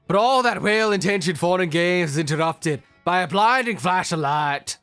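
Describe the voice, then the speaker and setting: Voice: medium pitch, expressive, moderate pace, a bit bright, clean tone, faint music behind. A streamer narrating a dating game aloud, playful and cursing in asides.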